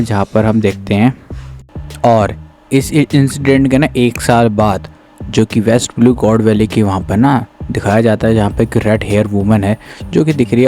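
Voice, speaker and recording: Casting note: chatty male explainer, dark mellow voice, faint music behind. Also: lowish voice. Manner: chatty, keeps addressing the listener as brother. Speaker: manga chapter explainer. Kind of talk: casual explanatory retelling.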